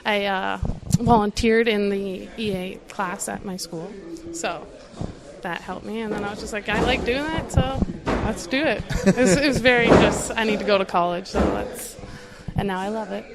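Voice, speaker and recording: A woman's voice: medium pitch, fairly even intonation, moderate pace, gravelly, heavy background noise. A young woman, a pro wrestler being interviewed, answering casually and laughing often. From Canada.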